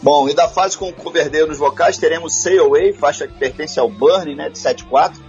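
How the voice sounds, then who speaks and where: A man co-hosting a radio music show, introducing a track and its background in a steady, informative way. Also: on the high side, brisk. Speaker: radio co-host. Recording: muffled sound with faint music.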